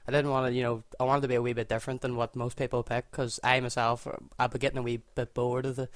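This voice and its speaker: A Northern Irish gaming video creator sets up a football game, talking casually through his choices, thinking aloud and often correcting himself mid-sentence. His voice is medium-pitched and fast, with a relaxed manner and no echo.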